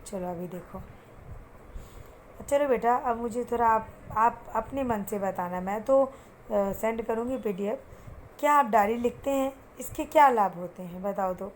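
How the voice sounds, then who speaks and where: Pronouncing difficult Hindi words slowly and carefully, a woman has the children repeat after her while she asks and answers her own questions and mixes in English words. Her voice is a little high, with slight background noise.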